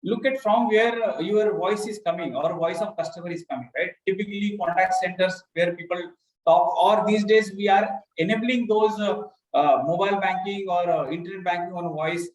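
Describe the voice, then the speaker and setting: A man's voice: high voice, moderate pace, slight background noise. A man on a webinar panel, speaking thoughtfully with fillers and ending points with "right?", heard on a video call. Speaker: banking technology panelist. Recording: echoey room on a video call.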